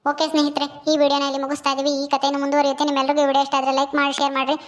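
A woman channel host wraps up the video with a quick, friendly sign-off. Her voice is high and she speaks briskly. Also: monotone. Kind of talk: video outro narration.

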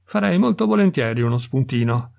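A man doing a booming old country priest. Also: very animated, creaky. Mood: jovial. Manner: loud, jovial and booming, speaking slowly and deliberately. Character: hearty boisterous old male country priest, the narrator's uncle.

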